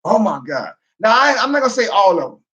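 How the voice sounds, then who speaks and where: A man, a military veteran, talking in a loud, profane, casual monologue, breaking into laughter as he goes. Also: sits high, fast talker, highs cut off. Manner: loud, profane, laughing asides, animated rant.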